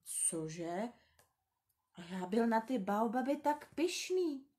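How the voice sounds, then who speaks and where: A woman voicing a grown man, a kind and worried pilot, speaking low and hesitantly in a storybook reading. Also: very animated, darkish tone. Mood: uneasy.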